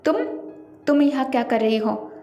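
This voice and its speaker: A woman's voice: high-pitched, normal speed, dark tone, lo-fi sound. A woman doing a stern commanding older brother. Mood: cold. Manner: curt, commanding. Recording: echoey reverberant room.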